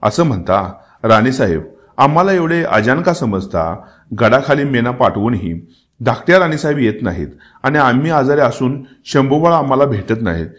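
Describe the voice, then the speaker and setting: A dying old king, weary but still commanding, speaks in an emotional, heightened voice, as a man reading a historical novel puts him on. His lines climb in pitch and swell in force. It sounds like a dramatic storybook reading. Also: sing-song, moderate pace, lightly acted. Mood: stern. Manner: emotional, rising to pleading and commanding outbursts.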